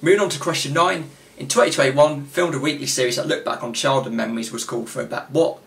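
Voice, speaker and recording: His voice tiring, a twenty-one-year-old man hosts a quiz to camera from his small indoor bedroom with a gaming desk. He speaks quickly in a mid-range, creaky, slightly bright voice, rambling with many fillers and restarts.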